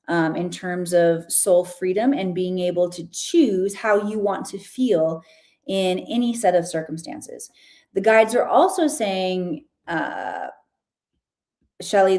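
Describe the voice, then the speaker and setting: A female podcast host offers an Akashic-style spiritual reading, enthusiastic and talkative, using casual slang. She speaks at medium pitch in a mellow voice.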